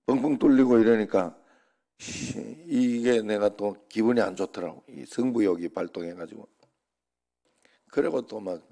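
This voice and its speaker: Gravelly low-voiced male pastor, chatty. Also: dark tone. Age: middle-aged. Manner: chatty, joking, rambling anecdotes. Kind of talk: informal sermon.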